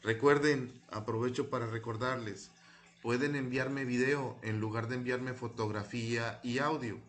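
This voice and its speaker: A man teaching a recorded English lesson, slowly reading words aloud and repeating each one for students to copy. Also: medium pitch, steady tone, a bit bright. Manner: slow, deliberate, repeats each word for students.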